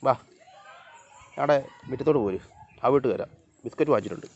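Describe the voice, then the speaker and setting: A man's voice: medium pitch, lively intonation, quick pace, a little mellow, lo-fi sound. A man filming a casual vlog outdoors beside flooded fields, chatting to the camera and calling his dog and cats to follow him. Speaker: vlogger. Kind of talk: casual vlog narration while walking outdoors.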